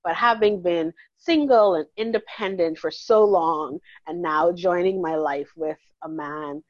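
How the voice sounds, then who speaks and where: A Bahamian woman in her forties, a counselor talking warmly and chattily in an interview, laughing easily. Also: fairly low pitch, a little slow, no echo, lo-fi sound. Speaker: counselor and guest. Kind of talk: casual interview conversation.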